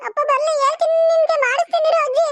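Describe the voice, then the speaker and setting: A woman's voice: very high-pitched, steady tone, rapid-fire, fairly bright tone, no room sound. A woman voicing a sulky, tearful young village girl in a cartoon, whiny and pleading. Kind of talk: animated cartoon voice acting.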